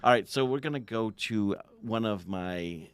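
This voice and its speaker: A man's voice: lowish voice, unhurried, clean tone. A man co-hosting a casual football podcast, joking and sarcastic, often trailing off and restarting. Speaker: podcast co-host. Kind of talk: casual chat about football.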